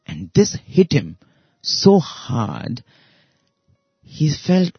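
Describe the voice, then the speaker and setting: Radio host guy, super slow and deliberate, husky voice, dry lo-fi sound w soft music under. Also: on the high side, huge pitch swings, no room sound. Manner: slow and deliberate with long pauses. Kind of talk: reflective spiritual talk.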